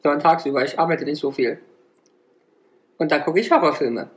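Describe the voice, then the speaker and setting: A woman in casual podcast chat, blunt and teasing with her co-hosts. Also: fairly quick. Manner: blunt, teasing, swings pitch widely. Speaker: podcast co-host.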